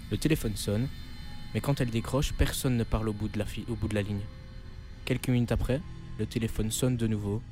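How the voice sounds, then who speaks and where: A young man, co-host of a radio show, telling a scary story in a steady, measured way. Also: lowish voice. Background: eerie background music.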